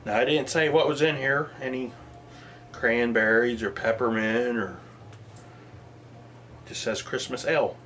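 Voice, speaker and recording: A man's voice: mid-range voice, steady tone, measured pace, pauses often, fairly bright tone, slight background noise. A man casually reviewing beers on camera, plainspoken and modest as he thinks aloud about the taste. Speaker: beer reviewer. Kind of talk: casual product review vlog.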